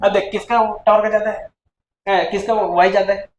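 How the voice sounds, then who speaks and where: A man's voice: high voice, flat delivery, a little fast. A man teaching a physics lecture to a class, coaxing and quizzing his students all the time. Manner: coaxing, keeps asking the class questions. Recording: echoey classroom with faint noise.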